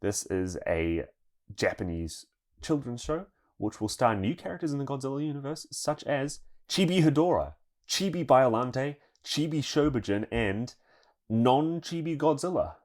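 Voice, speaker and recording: A man's voice: mid-range voice, animated, normal speed, a little mellow. A man co-hosting a podcast, chatting casually through a news segment and laughing now and then. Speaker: podcast co-host.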